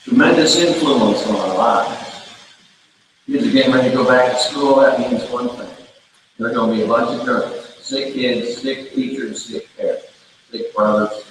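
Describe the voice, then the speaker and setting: A man's voice: mid-range voice, moderate pace, a little hiss or hum. A man preaching a sermon in a folksy, conversational storytelling way, in a church sanctuary. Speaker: pastor. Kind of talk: sermon with a joke. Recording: echoey church hall from far off.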